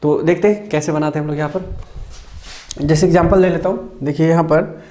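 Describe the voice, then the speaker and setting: A man from India lectures on chemistry in a recorded class, with a somewhat high but mellow voice. He works through each step, asks his own questions and answers them. The sound is roomy and echoey. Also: fairly even intonation. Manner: slows down and spells out formulas while writing. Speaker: chemistry teacher.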